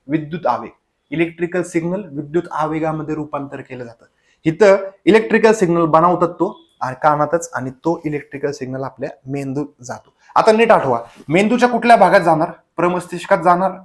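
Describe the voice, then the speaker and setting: A man with a Marathi accent giving an online exam-prep lecture, asking questions and answering them himself in a repetitive, conversational way. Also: on the high side. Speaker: teacher.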